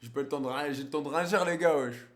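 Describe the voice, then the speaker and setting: A man's voice: on the high side, quick pace, background noise. A man, chatting crudely on a live stream and teasing strangers on video calls. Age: 20s. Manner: crude, slangy, teasing, swears often.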